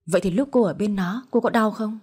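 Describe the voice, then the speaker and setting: A woman voicing a cold, vengeful husband who speaks harshly and with scorn, in a soft, somewhat breathy voice. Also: mid-range voice, fairly quick, natural voice. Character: cold, vengeful husband, a man in his thirties.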